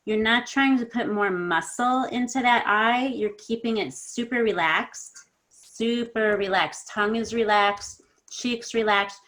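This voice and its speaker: A woman coaching pronunciation in an online lesson, correcting students and modelling sounds slowly and encouragingly. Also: a little high, fairly bright tone. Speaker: accent coach.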